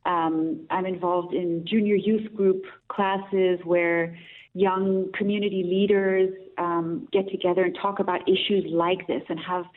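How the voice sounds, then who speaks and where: Over a tinny phone connection, a woman from Austria gives a considered opinion as a radio interview guest. She speaks earnestly and reflectively at a measured pace, often restarting, in a lowish voice with little pitch movement.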